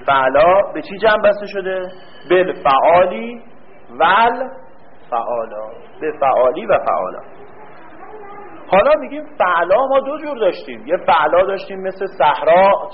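A man giving a grammar lecture, quizzing the class with questions and answering them himself, stretching out key words. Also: high voice. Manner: drawn-out stress on key words. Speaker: teacher. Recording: dull lo-fi recording with faint room hum.

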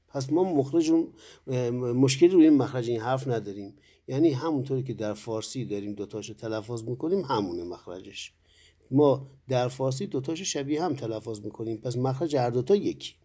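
A man teaches students in a recorded lesson. His voice is mellow and slightly husky. He explains patiently, pausing often and using fillers. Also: medium pitch. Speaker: Quran recitation teacher.

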